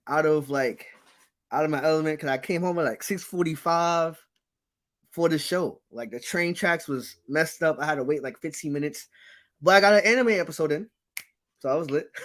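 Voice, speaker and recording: Slangy New man hosting, higher-pitched voice. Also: fairly bright tone. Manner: slangy, playful, repeats phrases for emphasis. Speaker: show host. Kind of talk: casual chat, animated storytelling.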